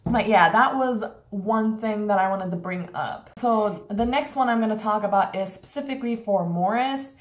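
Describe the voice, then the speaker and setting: A college student from Turkey, a young woman, rants frankly in a casual vlog recorded in a small indoor room. Her mid-range voice moves at normal speed with few pauses, thick with fillers, and the sound is roomy.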